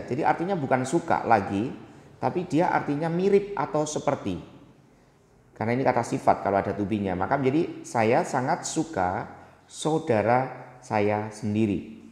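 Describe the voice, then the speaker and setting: A middle-aged man giving a recorded English grammar lesson, explaining answers and reading example sentences slowly and deliberately. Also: medium pitch, a little mellow. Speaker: English teacher. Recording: echoey room with long reverb.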